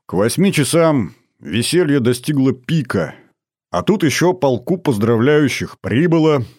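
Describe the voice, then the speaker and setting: A man narrating an audiobook in a measured storytelling manner, livening up the dialogue. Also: mid-range voice, very animated, a little mellow, no room sound, studio quality. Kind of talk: scripted narration.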